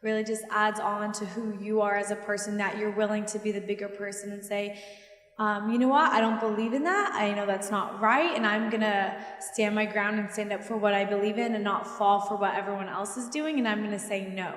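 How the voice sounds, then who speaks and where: A young woman answers panel questions in an earnest, firm way, her pitch sitting in a middle range. Her voice rings through an echoey hall with a long reverb. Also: fairly even intonation, brisk, a bit bright. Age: young adult. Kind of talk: casual panel talk.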